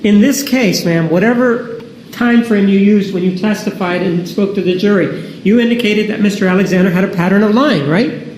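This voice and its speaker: A man with a high voice cross-examines a witness, pressing and insisting on yes or no. The courtroom recording rings with room echo. A faint hiss sits underneath. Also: moderate pace, a little mellow. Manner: pressing, demands yes-or-no answers. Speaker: prosecutor. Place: large echoey courtroom.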